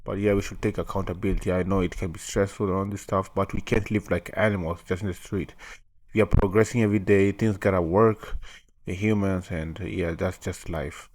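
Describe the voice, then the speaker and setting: A man with a somewhat low voice reacts casually to a clip. He talks in a laid-back, chatty way and laughs often. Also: fairly even intonation, fairly quick, darkish tone.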